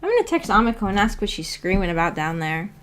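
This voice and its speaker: Very animated and quick, a woman with a medium-pitched, slightly bright voice chats with viewers on her book club stream. She reads comments and answers them, rambling and self-correcting, from an upstairs room in her home.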